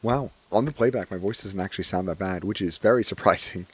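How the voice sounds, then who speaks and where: A hoarse, deep-voiced gaming streamer talks fast over his gameplay, his voice cracking at times. His commentary is casual and chatty, and he keeps repeating his own phrases.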